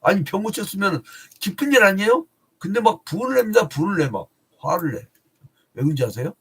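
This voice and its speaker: A man's voice: sits high, big pitch swings, a little fast, slightly rough. A male pastor preaching a dawn prayer sermon in a chatty way, often asking the congregation rhetorical questions.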